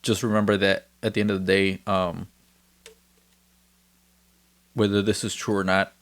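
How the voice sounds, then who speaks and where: A man's voice: low voice, level tone, moderate pace. A man hosting a casual, laid-back podcast, chatting and joking with a friend and swearing freely. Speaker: podcast host. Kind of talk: casual chat.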